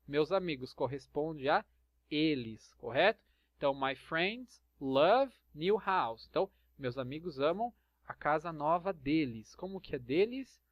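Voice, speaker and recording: A man's voice: on the high side, no echo. A man with a Brazilian Portuguese accent, patiently explaining English grammar and often checking with "tá?" and "ok?". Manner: patient, checks understanding with frequent "tá?" and "ok?". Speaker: English teacher. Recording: dull lo-fi sound, dry.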